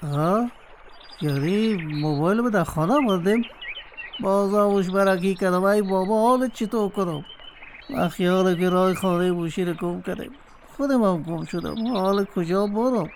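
A woman's voice: mid-range voice, a little mellow, slight background noise, close to an everyday voice. A woman with an Afghan Dari accent voicing a forgetful little rabbit who has lost her way and pleads for help. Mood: fretful. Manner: fretful, talks to herself, pleading. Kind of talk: children's cartoon voice acting.

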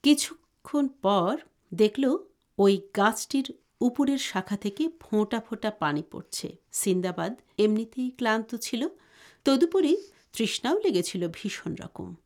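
A woman co-hosting a radio program and narrating a folktale in a steady, even voice. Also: a little high, unhurried. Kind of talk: storytelling narration.

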